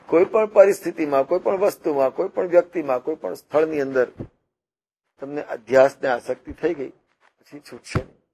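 A man preaching a devotional sermon, teaching slowly and repetitively with rhetorical questions and parables. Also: fairly high pitch, mellow, husky. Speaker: religious preacher.

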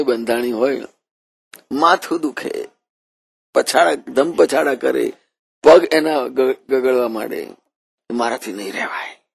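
A man's voice: mid-range voice, vocal fry, slightly rough, no echo. A man preaching a devotional sermon, telling a story and often repeating and rephrasing his words. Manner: repeats and rephrases while narrating.

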